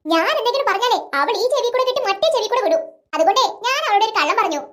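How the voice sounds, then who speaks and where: A performer voicing a strict, sharp-tongued mother in a cartoon, nagging and sarcastic toward her husband. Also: very high-pitched, expressive, racing, exaggerated voice. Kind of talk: cartoon voice acting.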